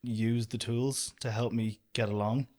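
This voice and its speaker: A young Irishman who runs an outdoor business chats as a podcast guest, his mid-range voice moving at a slightly slow pace. He's relaxed and wanders from point to point, dropping "do you know" again and again in this casual interview.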